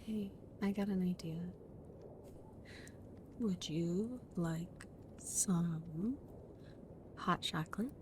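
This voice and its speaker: In an ASMR roleplay, a woman plays an affectionate young friend who teases playfully, speaking softly and breathily, often in a whisper, with gentle intimacy. Her pitch is fairly low and her pace very slow with long pauses, over a noisy background, and the mood is cozy and caring.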